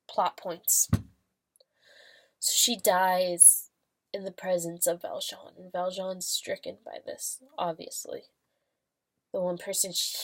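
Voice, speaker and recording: A woman vlogger giving a casual, chatty plot summary, swearing freely and using lots of filler words. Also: fairly low pitch.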